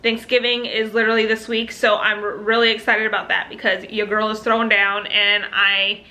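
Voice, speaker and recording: A woman's voice: mid-range voice, flat delivery, normal speed, bright, forceful tone. A young woman vlogging, talking casually to camera in a chatty, upbeat way with bits of laughter.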